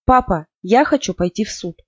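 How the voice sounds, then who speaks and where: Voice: mid-range voice, lively intonation, moderate pace, no room sound, natural voice. A storyteller voicing a frightened young girl who pleads hesitantly through tears, in a dull, dry recording. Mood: pleading.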